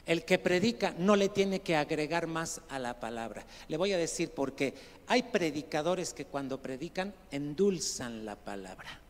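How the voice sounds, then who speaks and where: A male pastor preaching a sermon, swinging from quiet asides to loud, rising outbursts and questioning his congregation directly. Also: a little high, lively intonation, moderate pace. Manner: addresses listeners as brother, asks questions of the congregation. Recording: long hall reverb.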